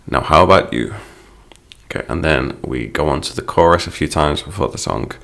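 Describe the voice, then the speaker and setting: A man's voice: extremely low pitch, normal speed, vocal fry, a bit bright. A man teaching English by explaining song lyrics line by line, in a patient, explanatory manner.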